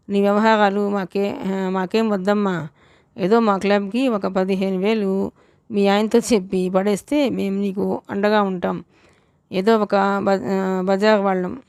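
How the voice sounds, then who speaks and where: A bossy, taunting neighbor woman voiced by a woman narrator from a storybook reading. She presses slowly and insistently, in a smooth clear voice. Her pitch stays flat, and the sound is dry and close. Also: no room sound. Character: pushy meddling neighbor woman demanding donations.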